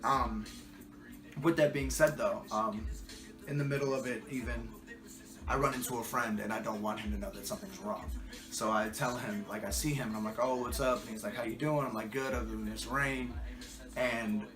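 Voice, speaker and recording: A rapper talking casually about the ideas behind his songs, pausing often with ums and restarting thoughts. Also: fairly low pitch, fairly even intonation, echoey room, over music. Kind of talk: casual spoken track commentary.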